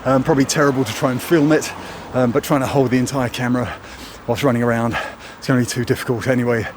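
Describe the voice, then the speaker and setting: A man with a British accent speaks casually, as if to regular viewers of his vlog. His voice sits at an average pitch. The recording sounds like it was made outdoors, with clear ambient and traffic noise. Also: steady tone, quick pace. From Britain. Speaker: running vlogger.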